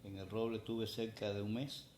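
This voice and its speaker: Older man, low voice, echoey. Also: level tone, moderate pace, a little mellow. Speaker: interviewee, former volunteer teacher. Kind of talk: documentary interview testimony. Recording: echoey room with faint noise.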